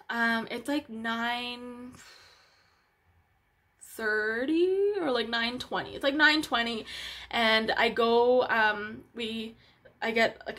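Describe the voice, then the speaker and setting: A woman with a slightly high voice tells a painful personal story in a vlog. She talks haltingly and emotionally, restarting her sentences and filling pauses. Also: fairly bright tone. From Africa. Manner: emotional, halting, many fillers. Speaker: vlogger.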